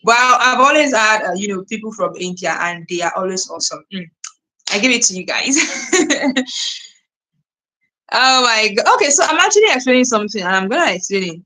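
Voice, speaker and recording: A young Nigerian woman with a Nigerian accent hosts a casual livestream, chatting with viewers and reading their comments. Her fairly high voice is expressive, brisk and sharp, full of fillers, restarts and repeated phrases. The audio quality is poor.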